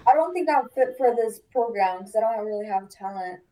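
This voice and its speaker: A woman's voice: fairly high pitch, animated, brisk, mellow, poor audio. Shy seventeen-year-old girl from Norway. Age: teenager, 17. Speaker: stranger on video chat.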